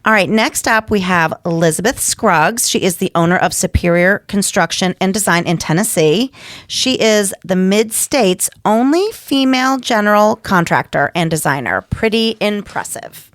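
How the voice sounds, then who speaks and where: A woman's voice: medium pitch, lively intonation, moderate pace, no echo, clean studio sound. A middle-aged woman co-hosting a podcast, chatting with enthusiasm. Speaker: podcast co-host. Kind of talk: casual chat.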